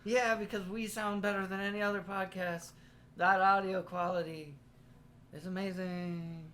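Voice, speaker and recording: A man's voice: high-pitched, flat delivery, moderate pace, a bit bright. A man co-hosting a comedy podcast, bantering in a goofy, playful way. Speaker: podcast co-host. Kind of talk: casual comedic chat.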